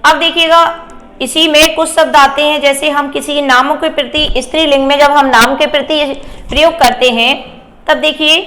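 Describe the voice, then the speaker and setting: A woman teacher giving a Hindi grammar lesson, explaining slowly and asking and answering her own questions. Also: sits high, fairly even intonation, a bit bright.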